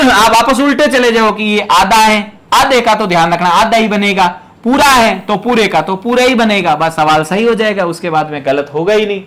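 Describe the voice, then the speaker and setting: A man with a high, light voice gives an exam prep lecture from Rajasthan. He drills each rule again and again and talks directly to his students, step by step. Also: normal speed, hardly any pauses, a bit bright. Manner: emphatic, repetitive drilling of rules. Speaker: teacher.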